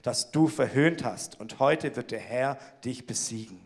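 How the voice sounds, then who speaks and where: A man voicing a young shepherd boy, speaking earnestly and declaiming slowly. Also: medium pitch, pitched below the performer's own voice, close to an everyday voice. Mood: defiant.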